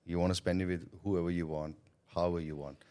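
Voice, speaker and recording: A man's voice: sits low, level tone, quick pace, dark tone. A man being interviewed about his business and childhood, talking earnestly and reflectively and often adding "right?" and "you know". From born in Thailand, schooled in India. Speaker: guest, sales coach and business owner. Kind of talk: interview conversation.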